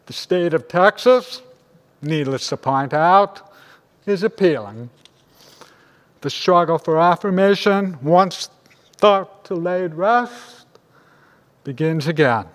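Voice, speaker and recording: An older man, a rabbi, giving a measured, grave sermon at a lectern microphone in a large synagogue sanctuary. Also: fairly high pitch. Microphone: lectern microphone on a stand. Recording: long reverb of a large hall.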